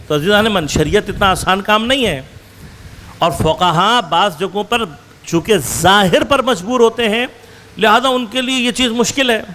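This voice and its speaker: A man with a notably high-pitched voice gives a religious lecture to a gathered audience. He poses rhetorical questions and answers them himself, working through examples with slow, stressed phrases and quicker runs. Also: pushed and bright, slight background noise. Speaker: religious scholar.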